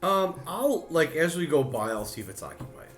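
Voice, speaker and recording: A man playing a tabletop game who describes his character haltingly, with pauses and fillers. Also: fairly high pitch, sing-song, fairly bright tone. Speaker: player. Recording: echoey room with music behind.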